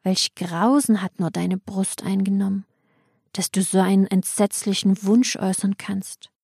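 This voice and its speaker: Grieving old storybook king, soft and faltering, read by a woman; slow pace, dry sound. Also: lowish voice, no room sound. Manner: quiet, mournful, faltering. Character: grief-stricken old king, broken and pleading. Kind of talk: audiobook reading.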